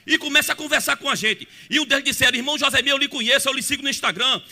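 A man with a Pernambuco accent, a gospel singer telling a lively testimony in church that breaks into singing and shouted praise, with music behind him. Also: extremely high pitch, very fast. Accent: Pernambuco Brazilian Portuguese.

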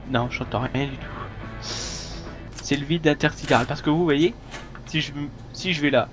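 A man's voice: on the high side, a little slow, long pauses, music in the background. A young man hosting a gaming video, giving casual, playful commentary and joking as he plays. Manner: joking, playful, laughs a lot. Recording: noisy capture with game sounds.

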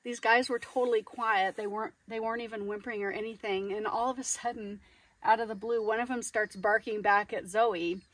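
A woman's voice: medium pitch, steady tone, a little fast, fairly bright tone, dry recording. A woman in her forties chatting casually to camera outdoors, laughing easily. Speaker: homestead vlogger. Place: outdoors on a desert homestead. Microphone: camera held at a distance. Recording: distant outdoor camera sound, faint noise.

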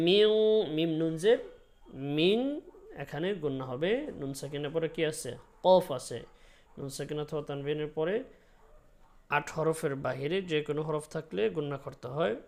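A man teaching Quran recitation, explaining slowly and patiently with many fillers and breaking into drawn-out chanted words. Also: on the high side, a little mellow. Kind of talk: spoken tajweed lesson.

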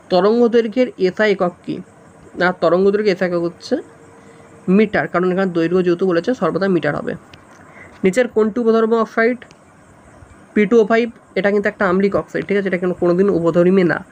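A man teaching an exam-prep class, walking students through multiple-choice answers step by step and checking that they follow. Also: high-pitched. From West Bengal.

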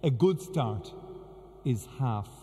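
A middle-aged man with an Irish accent, a bishop reading and preaching with measured, deliberate phrasing in cathedral echo. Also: medium pitch, expressive, warm tone. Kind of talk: liturgical reading and sermon. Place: large church, at the lectern. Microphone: gooseneck lectern microphone. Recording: cathedral echo, long reverberant church acoustic.

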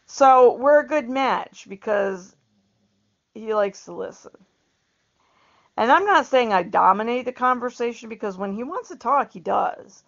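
Speaking a little slowly in a slightly high, creaky voice, this middle-aged vlogger meanders through a casual monologue. She repeats words and laughs a lot, captured on a dull lo-fi recording.

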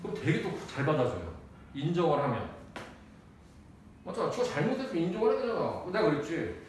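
A man's voice: on the high side, very animated, brisk. A man teaching math in a casual lecture, telling a personal story in blunt, slangy language and laughing often. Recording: echoey room, distant mic, noisy.

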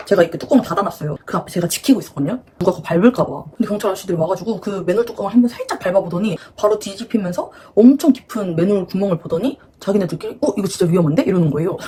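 A woman's voice: mid-range voice, dark tone, slight background noise. A woman in her twenties chatting through a story in a casual vlog. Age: 20s. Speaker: beauty vlogger.

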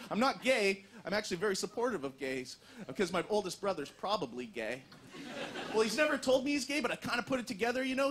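A man doing a stand-up comedy set on stage, with animated, self-mocking, punchy delivery. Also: high-pitched. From Canada. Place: comedy stage before a live audience. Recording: live show with audience laughter and noise.

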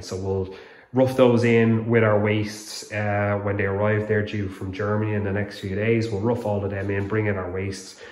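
This home renovation vlogger from Ireland speaks in a low voice as he walks through his unfinished house, holding his phone camera. His indoor narration is casual, relaxed and explanatory, packed with fillers. Faint background noise sits under the echo of the empty rooms.

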